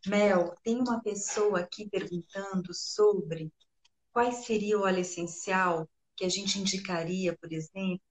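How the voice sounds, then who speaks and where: A woman with a Brazilian Portuguese accent co-hosting a live chat, asking questions in a gentle, responsive way. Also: mid-range voice, fairly even intonation, a little slow. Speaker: live co-host.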